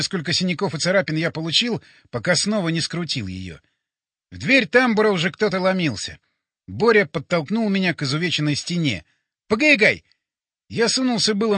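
A man narrating a first-person sci-fi audiobook with expressive, animated storytelling, recorded on a close studio mic. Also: high-pitched, slightly rough, no room sound.

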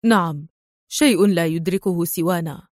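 Woman reader playing a male agent, stern, clipped, low-pitched, dry sound. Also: moderate pace, dry recording, lightly acted. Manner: curt, firm and dry.

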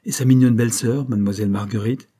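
A man voicing a resolute, cunning young wife who speaks with controlled calm. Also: mid-range voice, fast talker, breathy edge, close to an everyday voice.

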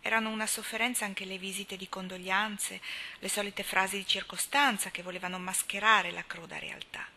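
A woman reading a novel aloud as an audiobook, in a soft, hushed narration. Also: medium pitch, fairly even intonation, fairly quick. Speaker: audiobook reader. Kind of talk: scripted narration.

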